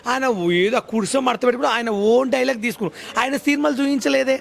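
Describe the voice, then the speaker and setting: Man, very high voice, gravelly, fast, agitated interview talk. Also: fairly bright tone. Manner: agitated, mimics others in broken English.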